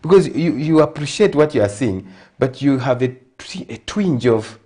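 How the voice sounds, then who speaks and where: In a mid-range voice at a moderate pace, a middle-aged Zambian man speaks as a guest consultant during a TV interview. He is earnest throughout, growing steadily more emphatic and animated.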